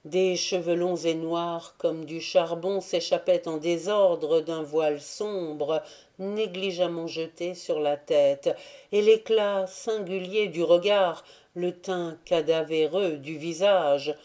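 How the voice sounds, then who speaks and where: A woman narrating a classic novel as an audiobook in slow, measured, deliberate phrases. Her voice is low and dark. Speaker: audiobook reader. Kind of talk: scripted narration.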